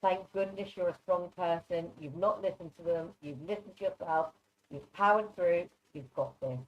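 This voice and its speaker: At normal speed and with a fairly low pitch, a guest presenter gives informal psychic card readings live over an online video call, keeping things chatty, direct and reassuring. Her accent blends English and Norwegian, since she was born in England and grew up mostly in Norway, and the audio is muffled and soft.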